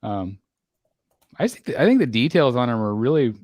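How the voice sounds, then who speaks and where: A man in his forties hosts a relaxed panel chat at an ordinary middle pitch, frequently pausing with ums and restarting sentences. The recording is dry and close, with no room echo.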